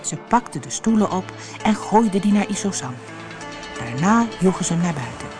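A woman from the Netherlands reading a children's fairy tale aloud with expressive storytelling. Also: on the low side, moderate pace, music in the background. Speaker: narrator.

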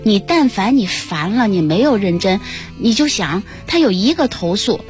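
A woman's voice: medium pitch, very animated, normal speed, darkish tone, faint music behind. A woman hosting a radio talk show from Beijing, chatty and empathetic in colloquial speech. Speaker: radio host.

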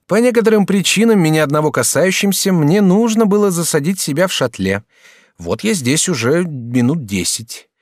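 An excitable, well-mannered young student, put on by a man reading a novel aloud, talks in a raised voice that leaps up and down. The sound is dry and close. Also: on the high side, moderate pace, no echo, pitched above the performer's own voice, close to an everyday voice. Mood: eager. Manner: bright, animated, polite and excitable. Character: eager young male student, courteous and talkative. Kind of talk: audiobook character reading.

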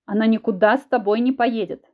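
A woman's voice: a little high, fairly quick, lightly acted. Storybook ally, voiced by a woman: firm, strict, protective, in a dull lo-fi recording. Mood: stern. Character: stern protective man, friend of the heroine.

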